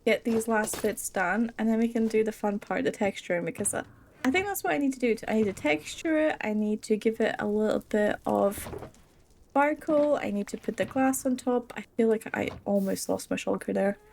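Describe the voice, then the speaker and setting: Tired young woman chatting over a game, kinda high voice, giggles a lot, rambles. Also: normal speed, vocal fry, a little mellow, slight background noise. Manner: giggly, rambling and self-deprecating. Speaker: Minecraft let's play creator. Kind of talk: casual gameplay commentary.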